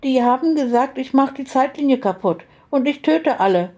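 A woman voicing a frightened little girl who sobs and pleads in a high childlike voice. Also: expressive, normal speed, dark tone, highs cut off.

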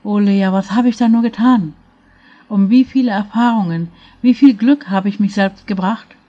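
A woman's voice: medium pitch, normal speed, dark tone, dull audio, lightly acted. A woman voicing a grey-haired older woman who speaks earnestly and pleads, full of regret, in a storybook reading. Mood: pleading.

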